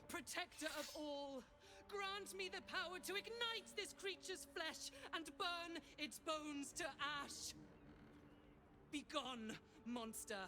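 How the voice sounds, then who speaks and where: A woman's voice: high-pitched, sharp tone, a little hiss or hum, heavily acted. A woman playing a pious, protective cleric in a fantasy video game, with an earnest, declamatory heroic delivery. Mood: fervent, defiant. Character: valiant, pious female cleric, protective and fervent.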